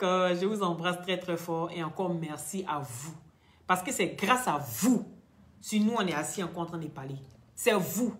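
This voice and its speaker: A woman's voice: low voice, fairly bright tone, roomy sound. A woman hosting a live video, speaking straight to her followers in an emphatic, lecturing way. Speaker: social media live-stream host.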